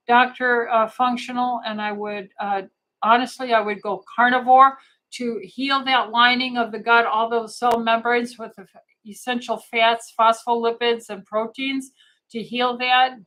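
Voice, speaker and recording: A woman's voice: a little high, a bit bright, poor audio. A middle-aged woman physician answering viewer questions on a live stream, talking in a casual, hesitant way with many fillers, restarts and heartfelt asides.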